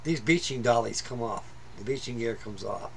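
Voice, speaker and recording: At the workbench in his home hobby room, a middle-aged man rambles casually about a model build, plain-spoken and full of fillers and restarts. His medium-pitched voice is creaky and moves at normal speed, with a little hiss or hum in the background.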